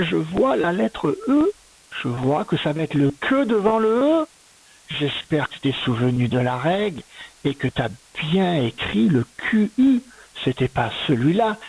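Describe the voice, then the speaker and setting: A woman's voice: fairly low pitch, a little mellow, breathy edge, poor audio. A woman teaching a young child to spell, sounding out words one syllable at a time in a patient, step-by-step way. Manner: slow, patient, syllable-by-syllable dictation. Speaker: primary school teacher. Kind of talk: recorded reading and spelling lesson for a young child.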